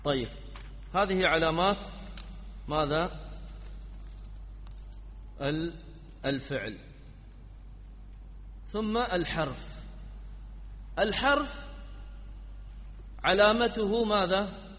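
A man's voice: high voice, animated, very slow, pauses often, fairly bright tone. A man teaching an Arabic grammar class, quizzing his students and prompting them with repeated questions. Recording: dull lo-fi sound in a reverberant hall.

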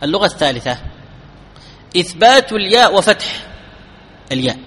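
A man giving a classical Arabic grammar lesson, explaining step by step, asking his students questions and drawing out each example phrase slowly. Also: sits high, very animated, a bit bright, husky, in a large hall. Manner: slows down and drawls out example phrases.

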